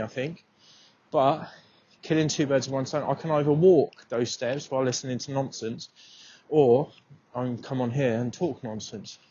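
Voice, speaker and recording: A man's voice: medium pitch, darkish tone. A man with a cold-blocked nose, casually rambling and swearing as he talks to himself for his podcast while walking outdoors. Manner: sweary, self-deprecating, rambling. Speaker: podcast host. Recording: muffled outdoor recording with faint noise.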